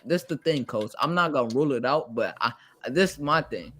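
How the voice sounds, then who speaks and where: A man talking sports in a casual, excitable chat, full of slang and restarts. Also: medium pitch, fairly quick, a crowd in the background. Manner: excitable, says "bro" a lot.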